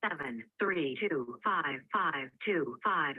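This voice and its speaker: An automated voicemail greeting, played through a phone, speaking in a measured, impersonal way and reading out digits one at a time. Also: mid-range voice, lively intonation, breathy edge. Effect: automated voicemail greeting heard through a phone. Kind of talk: recorded system announcement. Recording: tinny phone line, dry.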